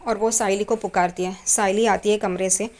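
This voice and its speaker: A woman recapping a TV serial episode at a mid pitch, neither high nor low. She moves scene by scene in a steady retelling and tags each quoted line as she goes. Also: normal speed. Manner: retells scenes step by step, tagging quotes with a trailing "karke".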